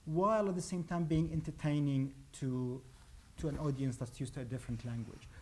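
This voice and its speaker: An Iraqi playwright in his forties gives a brisk, hesitant talk on his plays, restarting frequently, on a stage against a pale wall. His voice is on the high side, darkish, with fairly even intonation, and slight background noise is present.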